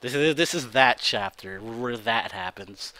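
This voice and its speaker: A young man comments on his own game stream with a bright, forward tone. He explains mechanics casually and turns sarcastic with his friends. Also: mid-range voice, expressive, unhurried. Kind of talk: casual let's-play commentary.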